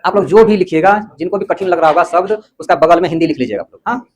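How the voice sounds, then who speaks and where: A man. He explains patiently, pauses often to ask whether the class has understood, and keeps the students moving along. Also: fairly high pitch. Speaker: teacher. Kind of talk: classroom lecture.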